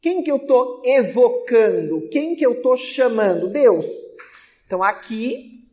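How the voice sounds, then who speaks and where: A man's voice: extremely high pitch, sing-song, slow pace, highs cut off. A man teaching a recorded lesson in São Paulo Portuguese, explaining with repeated examples and often checking in with his students.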